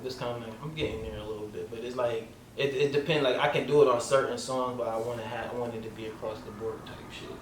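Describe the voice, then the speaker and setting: Talking fast with hardly any pauses, this male podcast host has a light, mid-range voice with fairly even intonation. His casual interview chat rambles loosely, packed with "like" and street slang, and the mic sits away from him in an echoey room with background noise.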